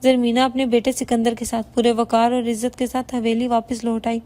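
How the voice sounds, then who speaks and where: A woman narrates a bedtime story in a high voice. Her delivery is steady and flat, with little rise or fall. She reads every line at an even pace.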